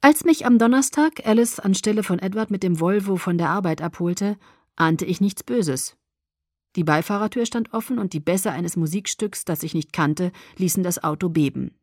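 A woman narrating a novel in the first person with expressive storytelling. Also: lowish voice, moderate pace, dry recording, clean studio sound. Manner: expressive storytelling, lively intonation. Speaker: audiobook narrator.

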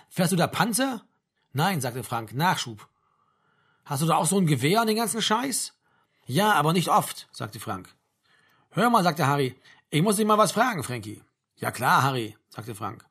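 Man, audiobook narration, husky tone, somewhat high pitch, drops low and quiet on speech tags. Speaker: audiobook reader. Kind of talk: scripted narration with character dialogue.

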